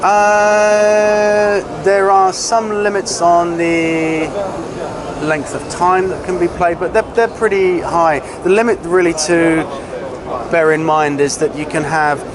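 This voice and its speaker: A man giving an informal, technical product demonstration as a company representative, speaking haltingly with frequent pauses. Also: high voice, steady tone, a crowd in the background. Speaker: company representative presenting products at a trade show. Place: busy trade show exhibition floor. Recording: loud trade show floor noise.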